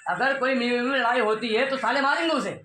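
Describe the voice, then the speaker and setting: A man's voice: very high-pitched, fairly quick, sharp tone, echoey room, a little hiss or hum. A man telling his side of a family dispute, heated and pleading, repeating his points. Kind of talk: emotional personal account.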